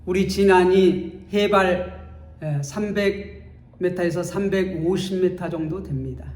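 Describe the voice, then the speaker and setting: A man's voice: high voice, takes it slowly, a little mellow. A male pastor giving a Sunday sermon in a church, telling the story dramatically and acting out its scenes. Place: church sanctuary. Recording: echoey church hall.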